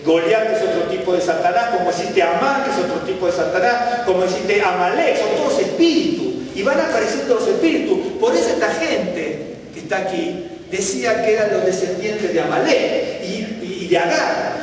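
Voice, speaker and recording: A man teaching a Bible lesson as a sermon, animated, with quoted questions rising in pitch and frequent self-corrections. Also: slight background noise. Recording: distant mic in a reverberant hall.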